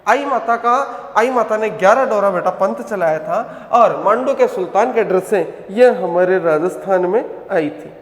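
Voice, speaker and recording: Guy teaching a coaching class, fairly high voice, keeps quizzing students, roomy echo with long reverb. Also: normal speed, few pauses. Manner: drills students with repeated questions and answers; addresses students as "beta". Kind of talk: online coaching class lecture. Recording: echoey hall sound.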